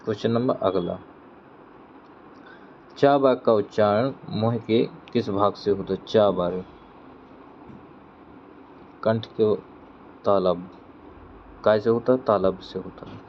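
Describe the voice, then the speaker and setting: A man's voice: fairly low pitch, fairly even intonation, slow pace, pauses often. A man teaching an exam-prep Hindi grammar lesson, who reads each question aloud, repeats it, and then answers it himself step by step. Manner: explains step by step, checking in with "theek hai". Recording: dull lo-fi sound with faint vehicle noise.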